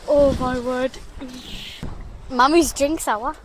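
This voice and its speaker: A woman's voice: high-pitched, poor audio. A woman putting on a theatrical, mock-shocked voice as she gawps at the waves outdoors, with noise behind her. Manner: exclamatory, mock-shocked, drawn-out. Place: outdoors by a lake. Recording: outdoor noise, held away from the mic.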